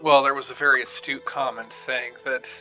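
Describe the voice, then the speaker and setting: A man's voice: medium pitch, steady tone, moderate pace, dull audio, music in the background. A man giving casual game commentary, musing aloud in a wry way as he plays. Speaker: gamer narrating a playthrough.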